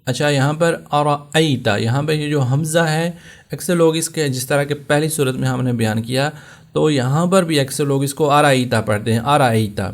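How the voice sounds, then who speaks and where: A man with a Pakistani Urdu accent gives a Tajweed lesson in a voice on the high side. He explains common mistakes, then recites verses slowly and drawn out.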